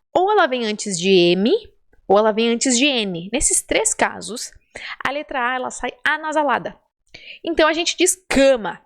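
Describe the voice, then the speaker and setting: A woman with a Brazilian Portuguese accent, a Spanish teacher giving a pronunciation lesson, drawing out sounds in exaggerated demonstrations and checking in often. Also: on the high side. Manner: chatty and encouraging, with frequent check-ins.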